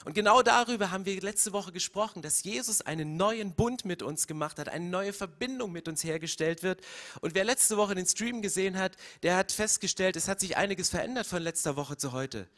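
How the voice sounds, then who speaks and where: Male pastor with a high voice, passionate sermon delivery, stumbling and repeating words as he builds. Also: expressive, fairly quick, fairly bright tone. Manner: impassioned, acts out quoted prayers with rising emotion; repeats words when searching, direct address to listeners.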